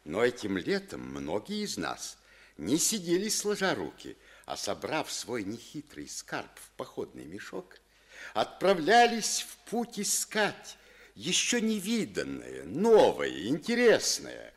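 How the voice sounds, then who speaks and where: An animated radio-play captain. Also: male voice, mid-range voice, slow pace, full character voice. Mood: earnest storytelling. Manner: expressive storytelling read-aloud. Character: captain reading a letter aloud, then shouting orders.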